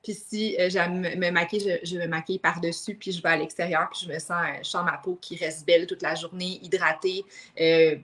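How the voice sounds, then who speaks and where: A woman's voice: on the low side, steady tone, a little fast, fairly bright tone. A woman, chatting as a guest and hesitating often as she talks. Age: 30s. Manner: chatty, hesitant, trails off with fillers. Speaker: guest customer. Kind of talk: casual chat.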